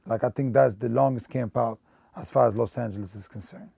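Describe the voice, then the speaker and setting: In a casual documentary interview, a Belgian sneaker shop manager in his thirties rambles, full of fillers and restarts. He talks fairly quickly in a mid-range, creaky voice with a dark tone and a breathy edge, and there's no room sound.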